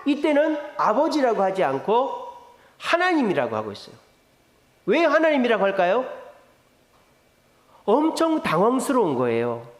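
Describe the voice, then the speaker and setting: Male pastor, sermon, animated rhetorical questions, echoey church hall. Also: very high voice, normal speed, long pauses. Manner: animated preaching, asks the congregation rhetorical questions. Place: church sanctuary.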